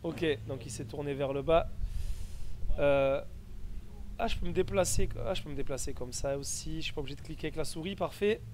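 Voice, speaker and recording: A man's voice: a little high, a little fast, darkish tone, slight background noise. A man doing casual live gameplay commentary and chatting with his viewers. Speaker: game streamer. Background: game audio.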